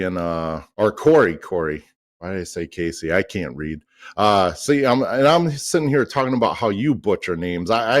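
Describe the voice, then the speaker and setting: Low-voiced man, chatty sports co-commentator. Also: dry recording, studio quality.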